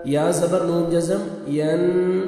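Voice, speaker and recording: A man teaching Quran reading. He explains the rules quickly, then spells out and chants the verses slowly. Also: fairly high pitch, steady tone, warm tone. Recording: very echoey, reverberant room with faint music.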